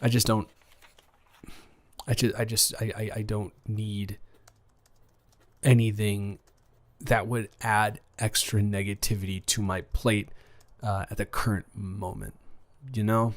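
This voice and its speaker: A man's voice: on the low side, level tone, unhurried, natural voice. A man performing a romantic audio role-play as an anxious, shy new boy at school who stammers and restarts his sentences nervously.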